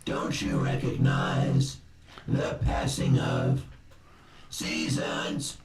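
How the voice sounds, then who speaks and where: Man singing through a clangy robot filter. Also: completely flat delivery. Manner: slow, drawn-out singing with wide pitch leaps. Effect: ring-modulated clangy robot voice. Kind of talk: sung vocal sample. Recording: roomy and distant under loud music.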